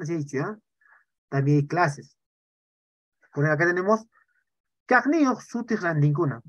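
A man teaching a live online Quechua class. He talks in an animated way and keeps checking in with "¿ya?" and "¿no?". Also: a little high, no echo. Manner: animated, tags sentences with "¿ya?" and "¿no?". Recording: dull lo-fi online class audio.

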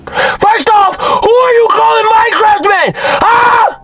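Young man screaming in shrill mock outrage. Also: takes it slowly, gravelly, raised voice. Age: young adult. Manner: screams in mock outrage, repeating questions indignantly. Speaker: comedic social media creator. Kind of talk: screamed comedic replies to viewer comments. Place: inside a parked car. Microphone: phone at arm's length. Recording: distorted, noisy phone recording.

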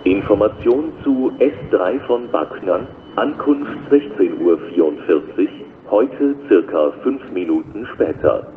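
A man working as a railway station announcer, reading flat, scripted platform announcements in a measured, formal way. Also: fairly low pitch. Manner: measured, formal, flat delivery in set phrases. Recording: dull lo-fi recording with loud station noise.

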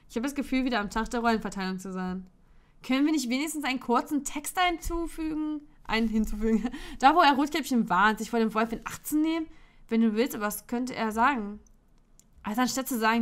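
Giggly woman reading a game aloud. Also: on the high side. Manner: playful, often breaking into giggles; reads all characters' lines in her own voice. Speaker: Let's Play host.

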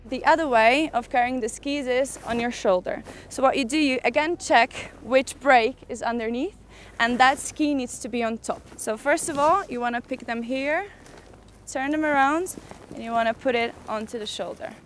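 A high-voiced young woman teaches skiing outdoors on a snowy slope, presenting a step-by-step tutorial to camera at normal speed. She often checks in with "yeah?", and there's background music plus a little hiss or hum.

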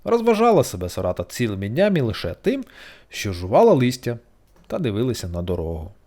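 Lively, expressive bedtime storyteller. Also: medium pitch, brisk. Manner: expressive, sing-song storytelling.

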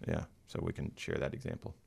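A man hosting a casual financial talk show in a studio, chatty and upbeat, lifting his energy at segment ends. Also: fast. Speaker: host. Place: radio studio.

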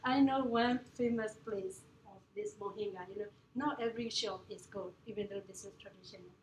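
A native Burmese speaker from Myanmar, a woman with a Burmese accent, gives a casual classroom presentation to an audience indoors, laughing often between phrases. Her medium-pitched voice moves fairly quickly, and the recording is noisy and echoey, captured far from the mic.

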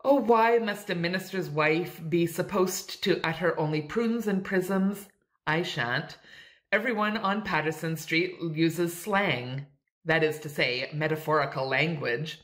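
A woman's voice: fairly low pitch, measured pace, fairly bright tone. A woman reading aloud, voicing a bold, slangy young woman in a raised, emphatic voice. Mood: teasing.

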